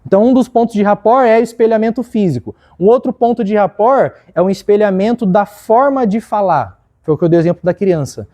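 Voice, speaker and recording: A man with a Brazilian Portuguese accent giving a workplace leadership training, acting out examples in a lively way. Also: sits high, fairly quick, hardly any pauses.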